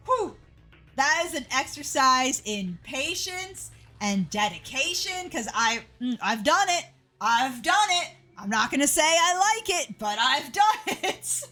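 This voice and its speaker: A woman's voice: high-pitched, pushed and bright. A young adult woman chatting casually with her live stream audience, laughing easily. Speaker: game streamer. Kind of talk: casual livestream chat.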